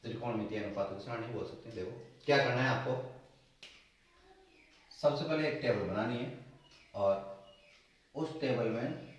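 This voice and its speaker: A man's voice: mid-range voice, moderate pace, pauses often. A man teaching a maths lesson at a board, repeating key terms back as questions. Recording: echoey room, voice from a distance.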